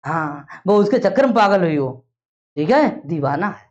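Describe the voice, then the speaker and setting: A woman's voice: lowish voice, sing-song, normal speed, darkish tone. Woman, teacher, classroom lecture, repeats questions to the class, checks understanding, muffled lo-fi sound. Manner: explains step by step, checks understanding often. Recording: dull lo-fi classroom recording.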